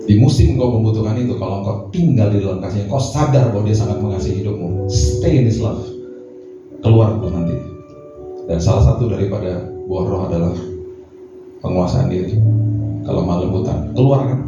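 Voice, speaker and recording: A middle-aged man, a pastor, preaching a lively sermon full of slangy asides and rhetorical questions. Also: fairly low pitch, brisk, pauses often. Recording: echoey hall from a distant mic, dull sound, music behind.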